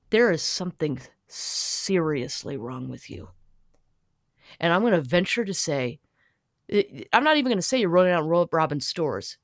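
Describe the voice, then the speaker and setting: A fussy, intense perfectionist, played by a woman on a comedy podcast, lecturing in emphatic detail. Her voice sits fairly low, and the microphone sound is dry and close, with no room around it. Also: dry recording. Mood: indignant. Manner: fussy, emphatic, lecturing, quick to get heated. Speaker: podcast host in character.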